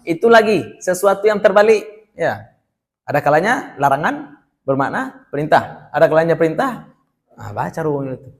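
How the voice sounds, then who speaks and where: A man's voice: a little high, very animated, moderate pace. A young man, teaching a classical Islamic text study as a teacher, reciting Arabic passages and throwing rhetorical questions at the class.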